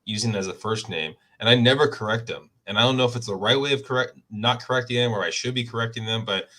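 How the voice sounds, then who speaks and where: A man's voice: medium pitch, fast talker, a bit bright. A man hosting a podcast interview, friendly and a bit self-correcting, stumbling over names now and then. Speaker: podcast host. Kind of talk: casual interview chat.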